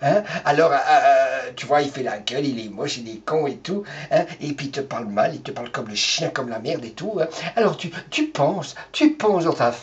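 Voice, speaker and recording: A middle-aged man doing a camp comic rant in character, theatrical and full of drawn-out exclamations. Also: medium pitch, animated, lo-fi sound. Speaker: comic performer.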